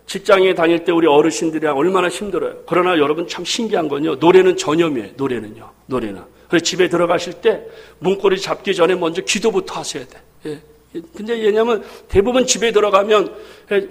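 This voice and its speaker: A man with a notably high voice delivers a sermon to his congregation. He preaches with energy and humor, slipping into acted-out domestic scenes and rising to fervent declarations. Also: fairly bright tone. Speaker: pastor.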